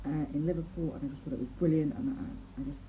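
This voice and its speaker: A woman's voice: low-pitched, fairly even intonation, fast, dark tone, dull audio, slight background noise. A young woman chatting to camera as a theatre vlogger, enthusiastic and full of fillers and restarts. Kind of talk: casual vlog chat to camera.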